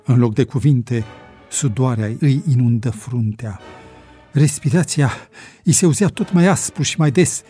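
A man narrating an adventure story in a measured, dramatic audiobook reading. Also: mid-range voice, warm tone, husky, soft background music.

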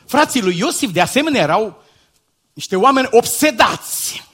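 A man preaching a sermon, asking rhetorical questions and swinging from quiet, low asides to loud, shouted exhortation. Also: very animated, husky. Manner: rhetorical questions and repeated paired phrases.

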